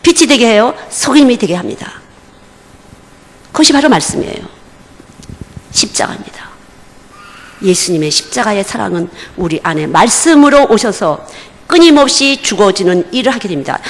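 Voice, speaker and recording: A woman's voice: mid-range voice, sing-song, normal speed. A woman missionary preaching a sermon at a church service, with emphatic, repeated short phrases. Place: church during a Wednesday service. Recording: reverberant church hall.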